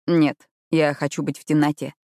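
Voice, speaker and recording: A woman voicing a calm, self-assured man of twenty-five in an audiobook, speaking with quiet control. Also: low-pitched, moderate pace, no room sound, clean studio sound. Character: calm, confident, arrogant young man, age 25. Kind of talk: audiobook reading.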